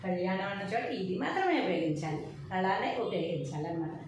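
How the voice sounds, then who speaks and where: A woman teaching a lesson, reciting syllables slowly and explaining how to write them. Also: fairly low pitch, very animated. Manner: slow, drawn-out recitation of syllables. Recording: echoey room, faint noise.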